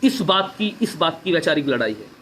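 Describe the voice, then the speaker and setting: A man's voice: fairly high pitch, very animated, normal speed, a bit bright, slight background noise. A man giving an impassioned address on a live stream, repeating his points and asking rhetorical questions. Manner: fervent, repetitive, rhetorical questions. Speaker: activist speaking on a Facebook live stream. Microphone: phone or webcam for a live stream.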